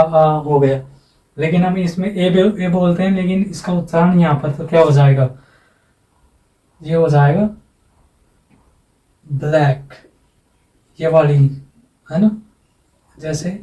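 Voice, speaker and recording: Soft-toned man teaching in an echoey room. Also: on the high side. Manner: patient, repetitive explaining, drawing out example sounds. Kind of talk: exam-prep lesson. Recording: echoey room, mic at a distance.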